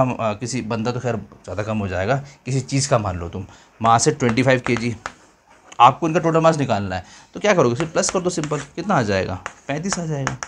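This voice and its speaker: A chatty male physics teacher explains a basic lesson in casual Hindi mixed with English phrases. He repeats his points and keeps asking the class if they follow. His voice sits at an ordinary middle pitch. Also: slight background noise. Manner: chatty, repeats himself, mixes English phrases, calls viewers children.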